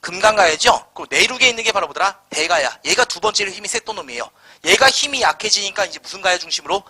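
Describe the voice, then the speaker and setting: A man's voice: sits high, animated, fast talker, sharp tone. A man teaching a live history class, firing rhetorical questions at his students and answering them himself in casual, slangy speech. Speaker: Korean history lecturer.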